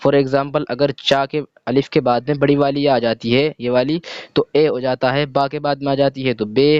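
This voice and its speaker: A man teaching a reading lesson, patiently explaining letter by letter and sounding words out slowly. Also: medium pitch, darkish tone, no room sound. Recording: dry, dull lo-fi recording.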